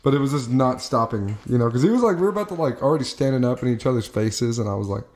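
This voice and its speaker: A young man co-hosting a podcast, telling a story in casual chat, swearing often and acting out quotes in a high voice. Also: fast talker. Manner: animated, swears a lot, acts out quotes in a high voice. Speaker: podcast co-host.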